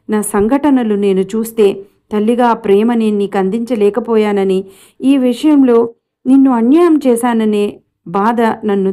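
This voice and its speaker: A sorrowful, resigned mother left behind by her husband, as a woman narrator voices her. Her tone is mellow and soft-edged, with a weary heaviness. This is a reading from an audio storybook. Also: fairly high pitch, natural voice. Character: grieving abandoned middle-aged mother.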